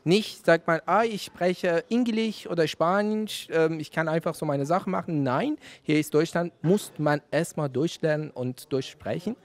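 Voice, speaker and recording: A man, answering interview questions in halting speech with many fillers, into a handheld mic at an indoor event. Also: fairly high pitch, no echo. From Iran. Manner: hesitant, many fillers, searching for German words. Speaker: radio volunteer interviewee. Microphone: handheld reporter mic.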